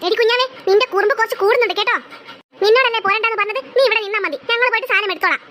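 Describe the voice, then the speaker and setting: A woman's voice: extremely high pitch, racing, bright, forceful tone, slight background noise. A woman voicing an exasperated mother of two girls in a cartoon, nagging and scolding. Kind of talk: cartoon voice acting.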